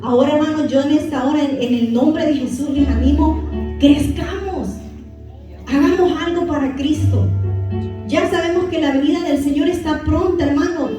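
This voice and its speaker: A woman preacher delivering a sermon, telling the story in a lively way and speaking straight to her congregation as brothers. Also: high-pitched, normal speed. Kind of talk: Spanish-language sermon. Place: church sanctuary. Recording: echoey church hall from far off, faint music.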